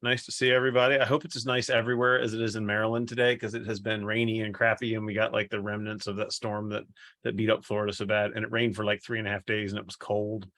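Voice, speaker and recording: A man's voice: lowish voice, flat delivery, quick pace, fairly bright tone, no echo. A man hosting a livestream with casual, rambling, joking banter. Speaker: livestream host, company co-founder.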